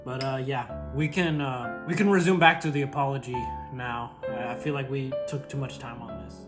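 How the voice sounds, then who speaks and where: A man's voice: medium pitch, steady tone, moderate pace. A young man chatting casually and rambling with lots of fillers while cooking on his vlog. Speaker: vlogger. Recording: guitar music playing behind.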